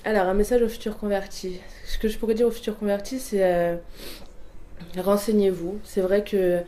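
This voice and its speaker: A twenty-something woman of Portuguese descent offers a halting personal testimony in answer to questions, peppered with fillers and restarts. Her medium-pitched voice is steady, dark in tone, and at normal speed, with a little hiss or hum present.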